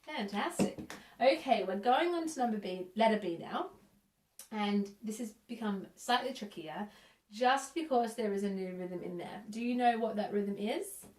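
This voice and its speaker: A woman's voice: mid-range voice, normal speed, a little mellow. Encouraging woman music teacher, echoey room. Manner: encouraging, counts in and praises. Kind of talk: children's music lesson. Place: room at home. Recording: echoey room, a bit distant.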